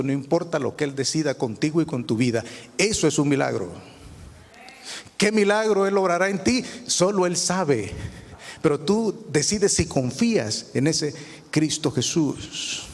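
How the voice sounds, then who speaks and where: A male pastor preaching a sermon, asking the congregation rhetorical questions. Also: a little high. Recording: long hall reverb.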